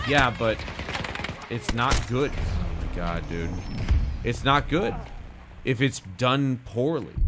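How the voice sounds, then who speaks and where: A man giving casual, informal live gameplay commentary as a streamer, muttering to himself and swearing freely. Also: medium pitch. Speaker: game streamer. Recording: loud game gunfire and vehicle noise. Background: video game battle sounds.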